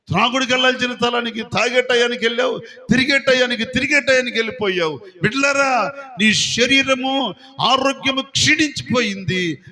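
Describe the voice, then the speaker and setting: A man's voice: extremely high pitch, bright, forceful tone. A male pastor preaching a sermon, repeatedly putting questions to his congregation.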